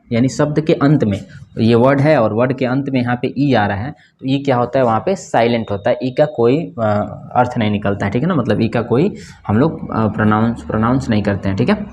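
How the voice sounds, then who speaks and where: A man's voice: mid-range voice, darkish tone, slight background noise. A man teaching an English pronunciation lesson, explaining rules step by step, often asking a question and answering it himself and checking in with the class. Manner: frequent checking fillers like "okay, right".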